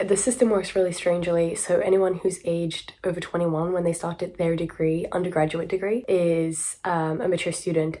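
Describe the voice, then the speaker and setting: A woman in her twenties from South Africa, talking casually and candidly to camera, hoarse from a sore throat, with a smoker-like rasp. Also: on the low side, darkish tone. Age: 20s. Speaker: student vlogger.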